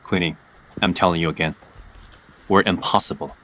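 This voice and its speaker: A man's voice: low-pitched, steady tone, moderate pace, sharp tone. An actor playing a cold, commanding young husband and father who speaks in firm, clipped lines. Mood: stern. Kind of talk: dubbed drama acting.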